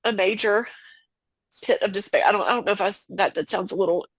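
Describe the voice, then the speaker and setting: Halting woman talking through grief. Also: mid-range voice, fairly even intonation, dry recording. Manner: halting, many restarts and fillers. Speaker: podcast guest. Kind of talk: emotional personal conversation.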